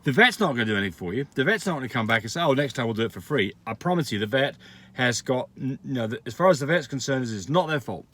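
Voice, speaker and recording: A man at a middle pitch talks through viewer questions in a loose, unscripted way. He is blunt and practical, and he often circles back and restarts his sentences as he explains. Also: animated, quick pace, sharp tone. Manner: frank, rambling explanations with restarts and fillers. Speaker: dog breeder answering viewer questions. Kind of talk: casual advice Q&A.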